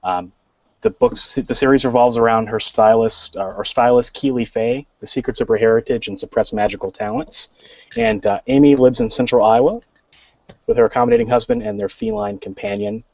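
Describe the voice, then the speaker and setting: A man's voice: mid-range voice, sing-song, brisk, gravelly, darkish tone, no room sound, dull audio. A man co-hosting a casual podcast chat who often repeats words as he gets going. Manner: repeats words as he starts, reads a bio aloud. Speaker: podcast co-host.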